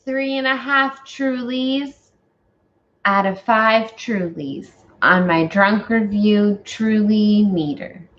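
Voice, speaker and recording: A woman's voice: medium pitch, slow. Tipsy woman rambling in dull lo-fi sound. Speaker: movie reviewer and host. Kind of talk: casual tipsy movie review chat.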